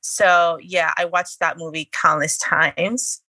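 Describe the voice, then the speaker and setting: Late-20s woman, bright voice on the low side, dry close sound, chatty podcast guest. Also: steady tone, takes it slowly, no echo. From Spain. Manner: chatty, eager storytelling. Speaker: guest, blogger. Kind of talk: casual interview talk.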